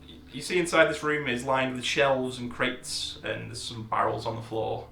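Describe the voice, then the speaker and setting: A man narrating as dungeon master, relaxed and hesitant with many fillers. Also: medium pitch, moderate pace, gravelly, reverberant. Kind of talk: narrating a tabletop game.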